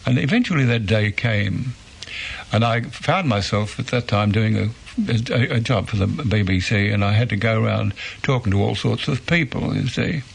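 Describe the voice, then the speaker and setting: Older man, gravelly and husky. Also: lowish voice, normal speed. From Australia, born in England. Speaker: interviewee. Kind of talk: interview answers.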